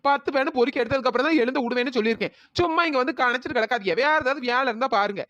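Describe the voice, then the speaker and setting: A woman's voice: high voice, very fast, a bit bright, dry recording, highs cut off. A woman voicing a bossy, mocking young wife in a cartoon. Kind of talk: cartoon voice acting.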